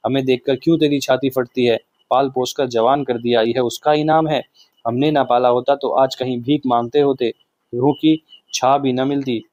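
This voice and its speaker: A man's voice: medium pitch, steady tone, moderate pace, a little mellow, dry recording, muffled recording, close to an everyday voice. A man voicing a fiery, quarrelsome village woman who scolds and taunts, in a storybook reading. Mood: angry.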